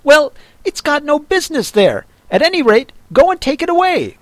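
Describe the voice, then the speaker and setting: A man voicing an impatient, bossy male rabbit in a storybook, shrill and ordering others about. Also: very animated, moderate pace, dry recording. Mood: irritable.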